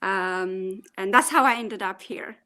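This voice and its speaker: A woman in her thirties from Ethiopia with an Ethiopian accent, a guest speaking casually, hesitating with "um" and laughing softly. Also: medium pitch, a little slow. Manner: warm, hesitant, frequent "um" and soft laughs. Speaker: guest, small business owner. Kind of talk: casual interview chat.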